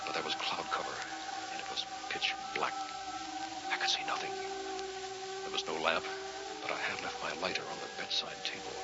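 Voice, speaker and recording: In a vintage radio horror drama, a male actor plays an uneasy ordained minister narrating his own ghost story in first person, with some dialogue as well. His voice is rumbling, low and gravelly, delivered in a deliberate, brooding, hesitant way. The recording is dull and vintage, with music.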